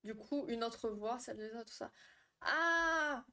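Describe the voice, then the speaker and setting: A woman's voice: a little high, slow, pushed and bright. A young woman chatting casually with viewers on a live stream, laughing often and answering their comments. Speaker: live stream host, therapist.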